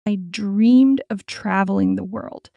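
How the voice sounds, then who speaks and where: Woman as a young storybook dreamer, slow and clear, slightly gravelly, dry close sound. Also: medium pitch, no echo, dull audio. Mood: calm. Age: 20s. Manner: slow, clear, each sentence said twice. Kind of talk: scripted story for repeat-after practice.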